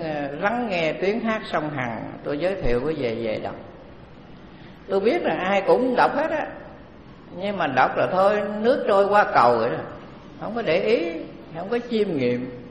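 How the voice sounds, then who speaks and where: A man giving a Buddhist dharma talk, unhurried and conversational, with many pauses. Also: high-pitched, a little hiss or hum. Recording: echoey hall, faint background ambience.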